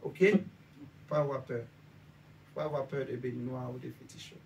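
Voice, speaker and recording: Speaking in a mid-range voice with fairly even intonation and a moderate pace, a man from Benin preaches casually to a congregation. He keeps checking that his listeners follow and asks for their agreement. The recording is distant, with faint noise.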